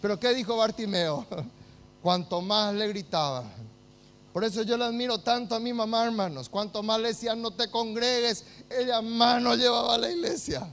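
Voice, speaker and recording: A man with a Paraguayan Spanish accent, preaching a sermon as pastor, swinging from hushed lines to loud, emphatic calls. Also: very high-pitched, normal speed, vocal fry, slight background noise.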